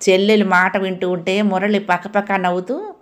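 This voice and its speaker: A woman narrating a family audio novel in a steady, expressive storytelling manner. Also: medium pitch, moderate pace.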